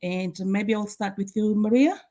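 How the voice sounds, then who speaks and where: A woman's voice: mid-range voice, moderate pace, mellow. An older woman from Fiji hosting an online live chat, talking with many hesitant fillers. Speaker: host.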